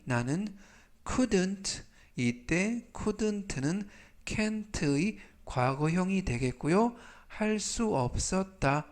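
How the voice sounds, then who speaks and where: A man teaching English vocabulary in a scripted lesson, explaining each word slowly and drawing out the English words for pronunciation. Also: fairly high pitch.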